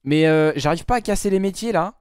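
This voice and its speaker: A man recording let's play commentary, talking to his viewers and to game characters, swinging from low muttering to sudden loud outbursts. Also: fairly quick, clear, resonant tone, dry recording, studio quality. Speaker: gaming YouTuber.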